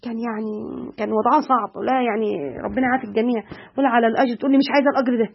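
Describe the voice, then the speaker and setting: A woman with an Egyptian Arabic accent giving a religious lesson, reciting classical texts and adding quick colloquial asides. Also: fairly high pitch, fairly even intonation, slightly rough. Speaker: religious teacher explaining hadith. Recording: dull lo-fi recording.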